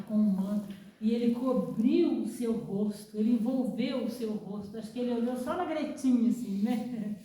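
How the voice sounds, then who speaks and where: A fairly high, mellow-voiced woman tells a Bible story at a camp, acting it out and sinking to a hush for effect. Her voice comes from a distance in a very echoey hall, with faint noise behind it. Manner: dramatic, drops to a hush for effect. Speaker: Bible teacher at a women's camp. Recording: echoey room, voice from far off.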